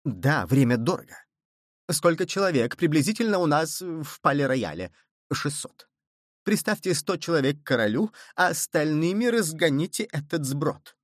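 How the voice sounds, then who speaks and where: A man's voice: on the high side, animated, moderate pace, no echo, studio quality, close to an everyday voice. A man voicing a proud, imperious queen who speaks in a commanding tone.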